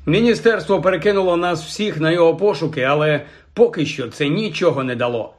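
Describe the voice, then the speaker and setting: Earnest, weary wizard father, read by a man, grave and measured. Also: on the high side, lightly acted. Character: middle-aged wizard father, tired and earnest.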